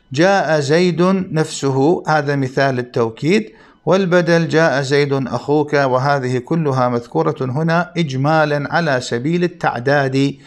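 A man giving a grammar lesson, who asks questions and answers them himself, slowing down to stress key points. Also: medium pitch. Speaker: grammar teacher. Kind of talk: classroom lesson explaining Arabic grammar.

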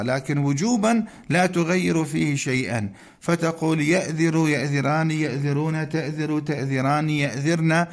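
A man leads a grammar lesson, moving patiently through long lists of verb forms and half-chanting some of them. His voice sits a little high for a man, and he stops now and then to ask his students a rhetorical question. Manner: slow, deliberate recitation of verb conjugations, chanting some forms. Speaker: Arabic grammar teacher. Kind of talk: explaining a classical grammar text.

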